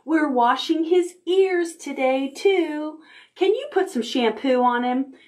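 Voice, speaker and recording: Surrounded by stuffed animals and a painted backdrop indoors, a middle-aged library host leads toddlers through read-alouds and action rhymes. Her high, slightly mellow voice moves slowly, exaggerated and sing-song as she reads and gives instructions. Roomy echo fills the audio, and music plays at times.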